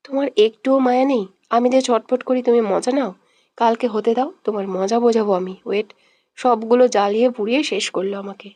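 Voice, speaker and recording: A woman's voice: on the high side, fairly even intonation, brisk, dark tone, no echo, lightly acted. A woman voicing a hot-tempered, jealous young man in love in an audio romance, scolding and making threats. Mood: exasperated. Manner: scolding, threatening, then teasing.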